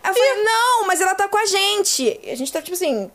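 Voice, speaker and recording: A young Brazilian woman with a high voice who talks at a rapid clip. She is a podcast guest telling a story in a loose, animated way. She acts out every line of dialogue herself and swears casually. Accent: Brazilian Portuguese.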